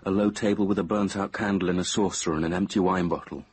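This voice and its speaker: This deep, steady, somewhat mellow and slightly rough male voice talks fast while voicing a radio drama's infatuated, uneasy young British narrator. He confesses his story earnestly, hesitant and introspective, with a brooding, reflective mood.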